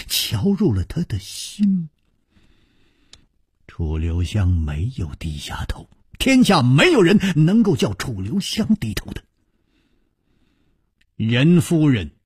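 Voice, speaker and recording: Husky, expressive male wuxia storyteller. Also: medium pitch, no room sound, clean studio sound. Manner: expressive, dramatic, voices each character. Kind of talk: Chinese storytelling reading of a wuxia novel.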